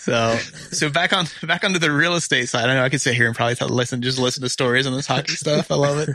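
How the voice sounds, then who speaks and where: A man co-hosting a podcast, asking questions with quick, enthusiastic affirmations. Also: mid-range voice, sharp tone, no room sound. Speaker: podcast co-host. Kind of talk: casual interview chat.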